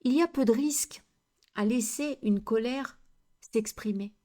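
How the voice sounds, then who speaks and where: Slow, deliberate woman coach. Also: a little high, warm tone. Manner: slow, deliberate, rhetorical questions. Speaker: conflict coach. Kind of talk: educational talk to camera.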